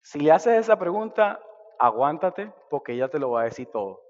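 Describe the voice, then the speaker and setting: Impassioned preacher in echoey hall. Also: male voice, a little high, sing-song, fairly quick, dull audio. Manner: impassioned preaching, swinging between loud and hushed. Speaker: pastor. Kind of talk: sermon. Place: church sanctuary.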